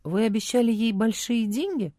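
A bold young woman speaks with eager, cheeky directness, voiced by a woman narrator. Her lines come out pitched up and lively, sometimes blurted. The recording is dry and close. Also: normal speed, dry recording, close to an everyday voice. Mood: probing, bold.

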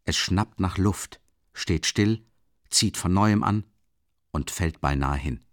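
A middle-aged man narrating a novel as an audiobook in a dramatic, expressive way. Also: low voice, slow pace, no room sound, studio quality. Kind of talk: scripted literary narration.

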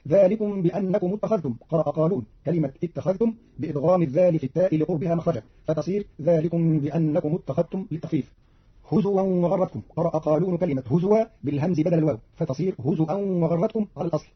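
A man reading a formal, scripted explanation of recitation variants as a radio announcer, in a brisk, even delivery. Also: fairly high pitch, breathy edge. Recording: dull lo-fi radio archive recording.

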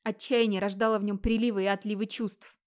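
A woman narrating a dramatic audiobook in a steady storytelling voice. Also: mid-range voice, a little fast.

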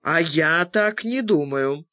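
A man voicing an angry, determined man who threatens a captive with a revolver, speaking slowly and harshly. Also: a little high, lively intonation, bright, forceful tone, no echo, exaggerated voice. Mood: threatening.

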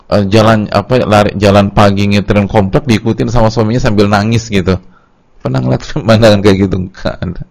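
A man with an Indonesian accent preaching at a religious study lecture, telling a story with lively, acted-out quoted voices. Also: on the low side, gravelly. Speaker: Islamic preacher.

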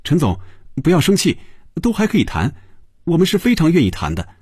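A man voicing an anxious, easily flustered male executive who yells at his colleagues, in a spoken story. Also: fairly high pitch, wildly swooping pitch, fairly quick, husky, no room sound, clean studio sound, pitched above the performer's own voice, heavily acted. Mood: anxious, shouting. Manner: agitated, shouting.

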